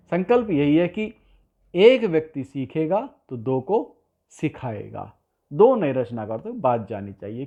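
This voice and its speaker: A man giving a spoken poetry lesson who explains patiently and slowly repeats example lines word by word. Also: fairly high pitch, warm tone. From India. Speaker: poetry teacher. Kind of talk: spoken lesson on ghazal writing. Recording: tinny phone-like sound.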